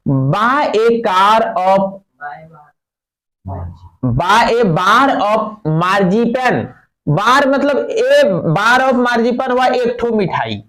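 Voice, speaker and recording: A man teaching a class, explaining an English textbook passage in Hindi. He reads English phrases slowly, then explains them quickly, checking with the students. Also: sits high.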